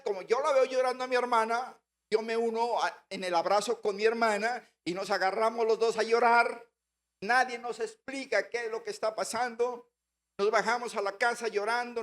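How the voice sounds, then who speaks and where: Brief: high-pitched male churchgoer, personal testimony, storytelling delivery, repeats phrases for emphasis. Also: a bit bright. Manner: storytelling, acting out remembered dialogue. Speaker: church member giving a testimony.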